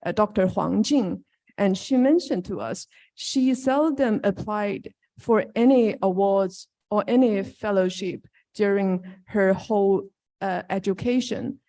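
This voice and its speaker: A woman's voice: mid-range voice, unhurried, mellow. A woman who organizes a university program, answering on a panel in a hesitant, earnest way with many fillers.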